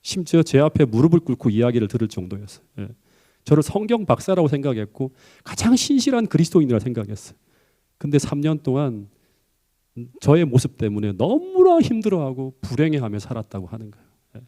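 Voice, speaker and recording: A middle-aged man, a pastor, preaching a sermon and telling a personal story in an animated way that climbs to emphatic high peaks. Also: brisk.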